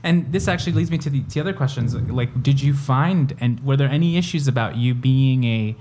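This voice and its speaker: A young man from El Salvador in casual conversation, talking reflectively with many pauses and fillers. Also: medium pitch, dark tone, a little hiss or hum. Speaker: conversation partner. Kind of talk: casual chat.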